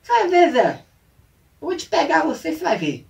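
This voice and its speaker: A man voicing a furious little boy of about eleven who yells shrill threats. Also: wildly swooping pitch, fairly quick, gravelly, recorded from a distance, exaggerated voice.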